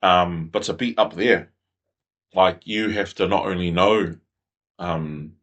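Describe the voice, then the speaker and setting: A man's voice: deep voice, steady tone, slow, a bit bright, muffled recording. A man, a podcast guest talking in a thoughtful, reflective way and often repeating phrases as he thinks. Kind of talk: casual conversational interview.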